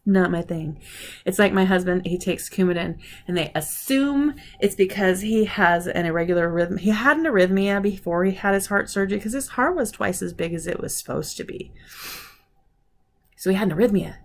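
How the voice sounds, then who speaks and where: A woman's voice: medium pitch, moderate pace. Ranting woman in her forties. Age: 40s. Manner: animated storytelling, acting out quoted conversations; frustrated, ranting. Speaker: vlogger. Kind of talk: casual chat.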